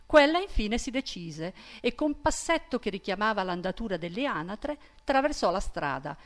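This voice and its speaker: A woman reading aloud from a novel with clear, attentive narration. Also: medium pitch, very animated, moderate pace. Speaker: reader.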